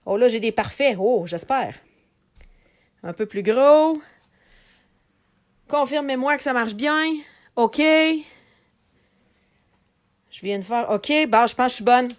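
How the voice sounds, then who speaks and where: A woman's voice: on the high side, measured pace, pauses often. A middle-aged woman with a Québécois French accent, chatting live to viewers while showing craft products for sale. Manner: chatty, animated, talks to viewers directly. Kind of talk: live video sales chat.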